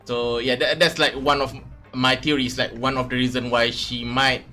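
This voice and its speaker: A man's voice: medium pitch, flat delivery, normal speed, pushed and bright, soft background music. A man from Malaysia hosting a casual livestream chat, talking hesitantly with many fillers and restarts. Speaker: streamer host.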